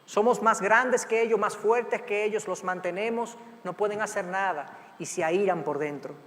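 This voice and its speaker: High-voiced pastor preaching in a reverberant hall. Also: male voice. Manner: animated, acts out parents and children in quick asides. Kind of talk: sermon on parenting. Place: large church hall.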